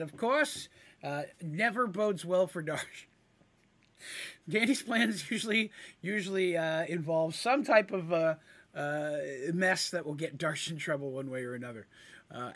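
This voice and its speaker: A man narrates a fantasy tabletop adventure in a casual, rambling way. His voice sits fairly high and moves a great deal. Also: pushed and bright. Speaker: storyteller. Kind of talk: fantasy game storytelling narration.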